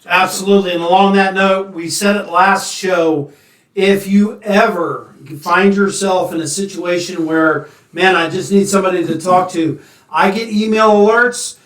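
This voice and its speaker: A male host addresses his viewers directly and in a friendly way. His voice is high for a man. He sounds set back from the mic in an echoey room. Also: steady tone, moderate pace, fairly bright tone, distant mic. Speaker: podcast host. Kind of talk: casual interview hosting.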